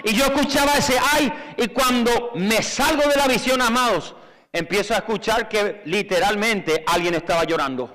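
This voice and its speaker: A man preaching a fervent sermon, calling on the congregation to repeat after him and rising to shouts. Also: sits high, moderate pace, big-room sound. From Paraguay.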